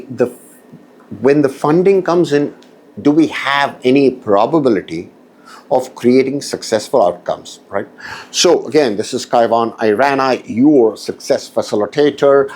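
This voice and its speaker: A man coaching clients in a recorded voice message, talking emphatically with frequent pauses and repetition. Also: medium pitch, darkish tone. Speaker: business coach.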